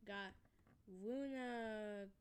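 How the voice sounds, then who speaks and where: A woman hosting a casual card-opening vlog, talking haltingly with many ums as she reads out card names. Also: a little high, a little hiss or hum. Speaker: channel host.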